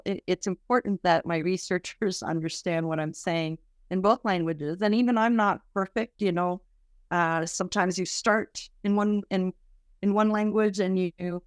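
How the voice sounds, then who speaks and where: A woman's voice: mid-range voice, steady tone, clear, resonant tone, no room sound, studio quality. A middle-aged woman from Quebec, a research director speaking earnestly in a podcast interview, often restarting her sentences. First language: French. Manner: earnest, halting with many restarts.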